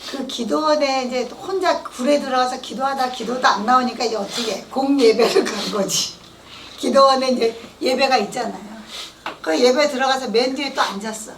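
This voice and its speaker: A middle-aged woman giving a church testimony, telling her story in a lively way and acting out the voices of the people she quotes. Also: sits high, normal speed, a little hiss or hum. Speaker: testimony speaker. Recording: echoey hall, mic at a distance.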